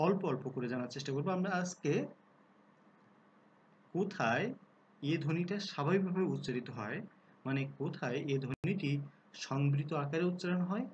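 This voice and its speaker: Man teaching a pronunciation lesson, fairly high voice, slightly dull recording, faint hiss. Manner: explanatory, asks students rhetorical questions; slows down to sound out example words. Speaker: Bengali language teacher.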